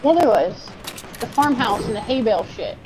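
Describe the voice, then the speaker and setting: A woman's voice: fairly high pitch, animated, normal speed, background noise. Congested woman swearing while gaming. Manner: swears a lot, laughs often. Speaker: gamer. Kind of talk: casual chat while gaming.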